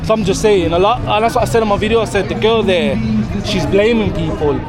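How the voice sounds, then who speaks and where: A man vlogging on a city street, talking fast and excitedly, repeating himself as he goes. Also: high voice. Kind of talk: casual street vlog. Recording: outdoor street with crowd and music behind.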